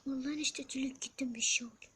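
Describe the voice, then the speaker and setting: A young performer voicing a tender father who speaks gently and apologizes, in a whispered role-play. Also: sits high, fairly even intonation, racing, slight background noise. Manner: soft, affectionate, apologetic. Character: tender doting father back from work.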